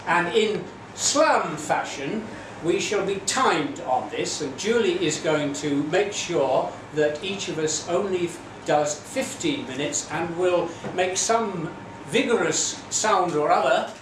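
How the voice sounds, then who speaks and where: An English man compères a live poetry event in a small theatre, acting as both host and poetry candidate with a wry, formal, theatrical manner. His voice is high-pitched, expressive and slow. He's far from the mic, so the sound is echoey and distant, with audience noise.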